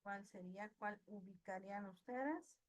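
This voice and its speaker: A woman's voice: mid-range voice, measured pace. A woman teaching an online class, patiently asking her students questions and praising their answers. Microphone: video call.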